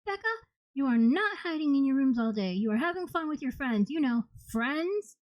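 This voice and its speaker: A woman's voice: high-pitched, expressive, normal speed, muffled recording, pitched above the performer's own voice. A woman reading a pushy, cheerful young man in an audiobook, insistent and bossy.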